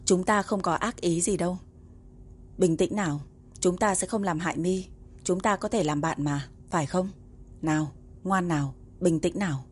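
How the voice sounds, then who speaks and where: A woman voicing a gentle young heroine who coaxes a giant beast in a soft, soothing way. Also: on the low side, normal speed, breathy edge. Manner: soft, coaxing.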